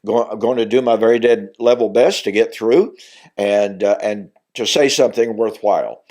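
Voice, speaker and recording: Still recovering after losing his voice, which remains weakened, an older man teaches the Bible on video as a minister. The monologue comes at a moderate pace in a fairly low, slightly mellow voice, earnest throughout and growing emphatic on key points.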